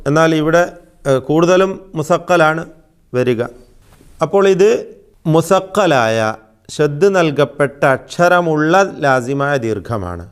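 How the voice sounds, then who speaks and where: Male teacher, patient recitation lesson, smooth resonant tone, drawn-out examples. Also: fairly high pitch, expressive. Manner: patient explaining, drawn-out demonstrations. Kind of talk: religious lesson.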